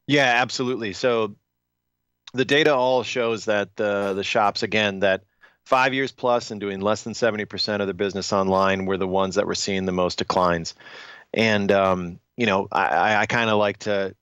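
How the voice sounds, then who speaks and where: A man with a lowish voice talks things through as a podcast guest. He is measured, with plenty of restarts and fillers. The sound is dry and a little dull. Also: fairly even intonation, a bit bright, clear, resonant tone, dry recording. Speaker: industry guest. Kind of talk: podcast interview.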